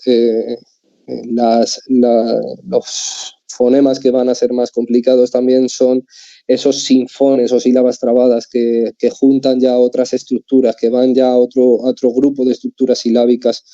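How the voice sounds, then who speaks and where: A man's voice: mid-range voice, mellow. A man from Spain, working as a speech therapist, explains things to parents in a talk and keeps checking in with his listeners. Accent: Spain Spanish. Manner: explanatory, often checks in with a tag question. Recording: dull muffled lo-fi audio.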